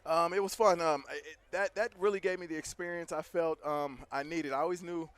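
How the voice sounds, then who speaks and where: Winded, fast-talking man in a press box. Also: on the high side, steady tone, fairly bright tone, smooth. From Hobbs, New Mexico. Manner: earnest, frequent restarts. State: out of breath. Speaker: athletic director. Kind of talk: halftime interview guest.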